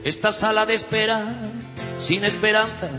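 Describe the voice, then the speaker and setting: Man singing, high voice, reverberant, guitar music behind. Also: level tone, moderate pace. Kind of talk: singing a song.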